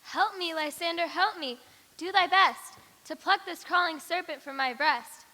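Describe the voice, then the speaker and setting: Woman as young noblewoman, high bright voice, earnest verse, echoey hall. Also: unhurried, heavily acted. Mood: frightened. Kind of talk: school stage play.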